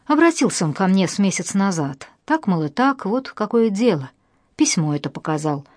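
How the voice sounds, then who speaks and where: A woman's voice: mid-range voice, sing-song, moderate pace, darkish tone, no echo, clean studio sound. A woman reading the part of a stern, curt middle-aged male navy major in an audiobook. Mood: reluctant. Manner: curt, official.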